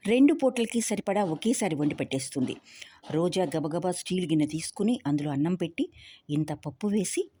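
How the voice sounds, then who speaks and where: A woman storyteller narrating a novel aloud in a steady, even manner with a husky voice. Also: fairly low pitch.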